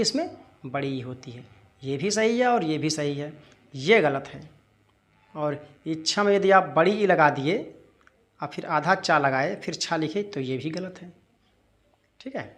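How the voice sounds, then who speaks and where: In a Hindi spelling lesson, a man poses questions and then answers them himself, saying the words slowly and repeating them. His voice is fairly high, with a fairly bright tone.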